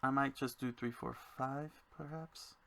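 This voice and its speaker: A man designing a card game, thinking aloud to himself in a slow, musing way as he works. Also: mid-range voice, steady tone, creaky, bright, forceful tone.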